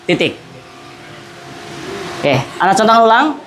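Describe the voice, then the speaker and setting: A woman's voice: fairly high pitch, big pitch swings, slow pace, a little hiss or hum. A woman with an Indonesian accent teaching a public speaking class, modelling articulation and intonation and having students repeat. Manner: coaching, demonstrates example phrases and has the class repeat.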